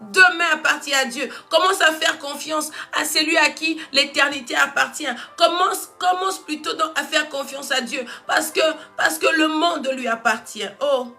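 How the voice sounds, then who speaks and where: A woman preacher delivering a fervent sermon, repeating phrases and rising to emphatic shouts. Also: high voice, normal speed, gravelly, few pauses, soft background music.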